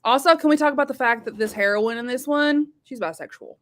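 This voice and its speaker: A woman's voice: a little high, brisk, a bit bright. A woman hosting a casual book discussion, chatty and laughing, talking while eating. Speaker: booktube host. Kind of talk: casual chat.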